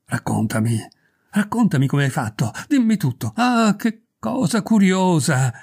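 A man doing an eager, excitable noblewoman. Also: fairly high pitch, unhurried, husky, heavily acted. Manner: eager, pressing, breathless.

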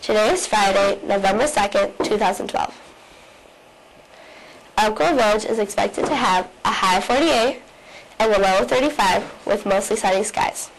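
A young woman student reading the school's morning announcements from the studio in a bright read-aloud way. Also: medium pitch, moderate pace, creaky, low-quality recording.

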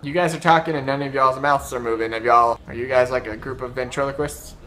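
A man doing loud, joking commentary over a video game. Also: medium pitch, fairly even intonation, fairly quick. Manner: loud, joking, yelling out bits. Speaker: gaming video host. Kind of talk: comedic gameplay commentary. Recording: game music behind.

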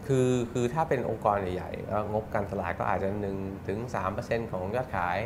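A man's voice: lowish voice, gravelly, noisy background. A man in his thirties, a business guest in a studio interview, explaining at length and acting out what customers say, on a lapel mic. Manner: fast, explanatory, acts out customer quotes. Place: bright TV studio set.

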